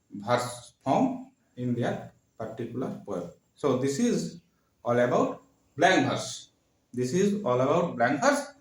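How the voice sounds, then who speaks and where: A man teaching a literature lesson, speaking haltingly, with frequent fillers and repeated terms. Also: on the high side, fairly bright tone. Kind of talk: classroom lecture. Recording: echoey room.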